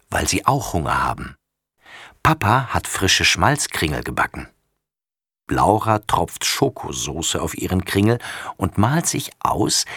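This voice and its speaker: A man reading a children's story aloud with lively, expressive narration. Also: on the low side, slightly rough, no echo, studio quality.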